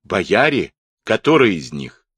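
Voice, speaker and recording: A man's voice: low voice, very animated, slow pace, a bit bright, breathy edge, no room sound, full character voice. A man voicing a hot-tempered Cossack leader who blusters and scolds in a storybook reading. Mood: demanding.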